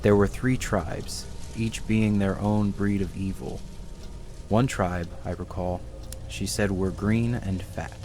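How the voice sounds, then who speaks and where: A man narrating a horror game as a grim villager, speaking in a measured, solemn way. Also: low voice, fairly even intonation, darkish tone, a little hiss or hum. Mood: grave.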